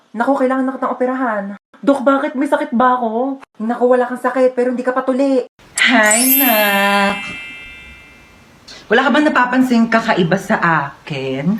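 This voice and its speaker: A woman's voice: on the high side, noisy background. Woman acting out comic skits. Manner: playful, quick switches between characters. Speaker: comedy sketch creator. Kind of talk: comic skits playing several characters.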